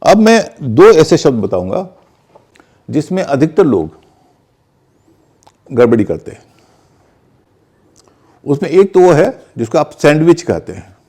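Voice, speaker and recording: A man's voice: on the high side, big pitch swings, a little slow, pauses often, mellow, breathy edge. A man teaching English pronunciation in Hindi, methodically spelling words out and repeating examples. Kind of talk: explanatory lesson in conversation.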